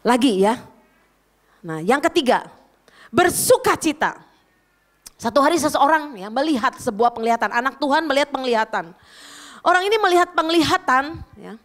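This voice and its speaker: A woman pastor preaching a sermon in an animated, conversational way, often turning to her listeners directly. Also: high-pitched, normal speed, long pauses. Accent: Indonesian.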